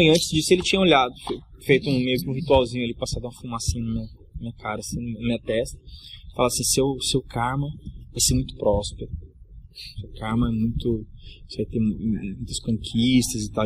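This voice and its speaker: A man's voice: mid-range voice, fairly even intonation, fast, a little hiss or hum. A middle-aged man, a guest on a podcast, tells a travel anecdote in a loose, slangy way and laughs often. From Mato Grosso, Brazil. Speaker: podcast guest, actor and comedian. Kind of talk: casual storytelling chat.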